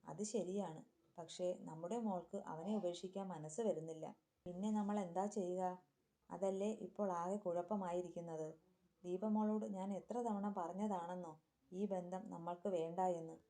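A woman's voice: fairly low pitch, steady tone, normal speed, mellow, natural voice. A woman voicing a worried middle-aged mother who frets about her daughter. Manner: fretful, complaining.

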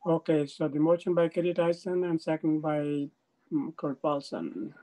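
A mayor chairing a commission meeting over a video call from a tablet, with the audio cutting in and out at uneven volume and a relaxed, hesitant way of talking. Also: medium pitch, normal speed, poor audio.

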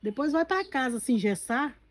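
A woman's voice: high-pitched, lively intonation, moderate pace, no room sound. A woman with a Brazilian accent playing a kind mother who scolds her spoiled daughter in an amateur skit. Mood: scolding. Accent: Brazilian Portuguese. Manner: gentle but scolding, teasing. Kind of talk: amateur comedy skit acting.

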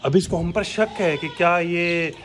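Man, vlog host, fairly high voice, excitable and playful, chats to the animals. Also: unhurried, a little hiss or hum. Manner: excited, laughing, talks to the animal. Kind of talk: casual pet vlog chat.

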